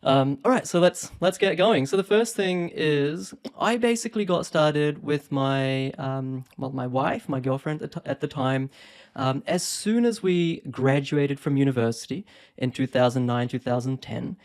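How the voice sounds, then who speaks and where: A man's voice: medium pitch, measured pace, darkish tone, clean tone. A man in his thirties with a New Zealand and Australian accent, talking casually and upbeat to camera about investing, with small laughs and many ums. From born in India, raised in New Zealand and Australia. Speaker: property investment YouTuber. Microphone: phone.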